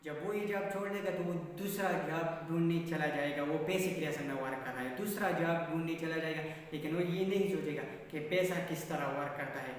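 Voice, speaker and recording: A man's voice: a little high, brisk, few pauses. Earnest man in a very echoey room. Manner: earnest, explanatory, repeats and rephrases points. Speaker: self-improvement vlogger. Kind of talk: casual talking-head book summary. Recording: very echoey room, far from the mic, faint hiss.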